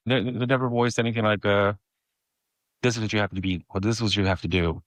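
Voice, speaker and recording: A middle-aged Mexican man, Spanish his first language, tells a personal story as a podcast guest, often hesitating and starting over. His fairly low voice is steady and a bit bright, and he talks fast. There is no room sound.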